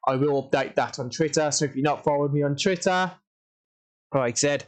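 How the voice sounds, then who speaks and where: A man's voice: on the high side, fairly quick. A young man hosting a casual livestream, tired after a workday, rambling with many ums, restarts and repeated stock phrases. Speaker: streamer.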